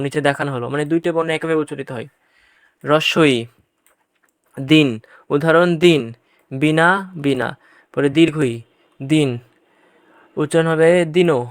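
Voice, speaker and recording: A man addresses students directly in a Bangla pronunciation lesson geared toward exams, patiently going over every example word again and underlining the important, commonly examined points. His voice is on the high side with a clean tone, recorded at studio quality with no room sound.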